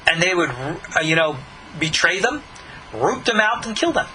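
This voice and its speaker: A rabbi teaches scripture in a recorded Bible study lesson, earnest and explanatory, raising his voice to stress key words. His high voice is very animated at a moderate pace, and the audio quality is poor.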